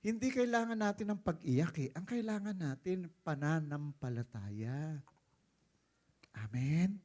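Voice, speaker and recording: High-voiced, unhurried male pastor preaching. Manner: animated, acts out quotes, often asks "Amen?". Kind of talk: sermon. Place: church.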